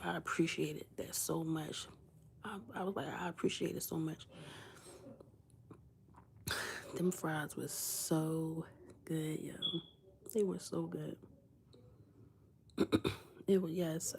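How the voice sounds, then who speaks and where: Live-streaming from inside someone else's house, a young woman chats casually with her viewers in a hushed, low voice that often sinks to a whisper. She tells her stories with animation, acting out the dialogue and doing the characters' voices. Her voice has some vocal fry, and there's a faint hiss or hum on the recording.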